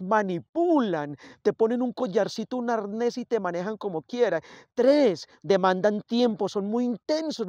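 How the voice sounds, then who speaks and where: A man's voice: sits high, dark tone, no echo, lo-fi sound. Male priest, reflective homily delivery, close dry recording. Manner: reflective, builds points through lists and repetition. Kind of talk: sermon.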